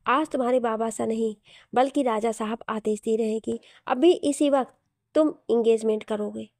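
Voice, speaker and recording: A woman voicing an older royal father who gives firm, commanding orders in a Hindi storybook reading, in a fairly high, mellow voice. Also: normal speed, no echo, studio quality, close to an everyday voice. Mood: stern.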